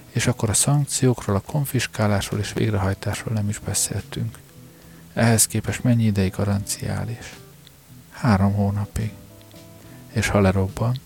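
Grumpy sarcastic old shop-owner dad in an audiobook, guy reading him, low gravelly voice. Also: a little mellow. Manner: grumbling, sarcastic. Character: weary stubborn older shopkeeper father.

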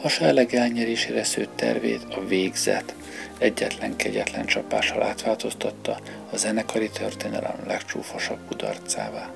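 Man narrating a story, heavy vocal fry, music bed behind. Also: on the low side, lively intonation. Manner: measured storytelling. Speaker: audiobook narrator. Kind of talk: scripted narration. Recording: music playing underneath.

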